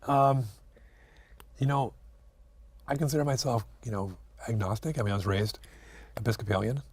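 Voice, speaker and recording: A man's voice: mid-range voice, normal speed, husky. A man in his late forties, an acupuncturist guest speaking reflectively in an interview, hesitant with many fillers and restarts. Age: 40s.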